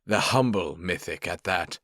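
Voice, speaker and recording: A man voicing a formal, wry male elf rogue in an audiobook, measured and dry. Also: sits low, expressive, a bit bright, dry recording, heavily acted. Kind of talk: audiobook narration.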